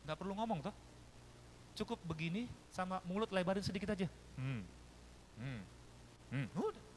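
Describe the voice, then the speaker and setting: A man's voice: high voice, lively intonation, normal speed, slight background noise. A male pastor from Jakarta with a Betawi Jakarta accent, preaching a sermon and telling stories in which he acts out other people's voices. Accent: Betawi Jakarta Indonesian.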